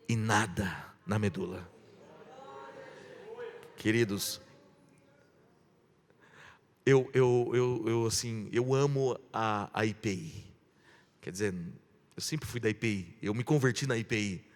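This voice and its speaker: A man with a Brazilian Portuguese accent preaching a sermon as a pastor. He speaks emphatically, stacks repeated phrases, and moves between loud declarations and hushed storytelling. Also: fairly low pitch, slow pace, long pauses. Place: large church hall. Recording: church sound with long hall reverb.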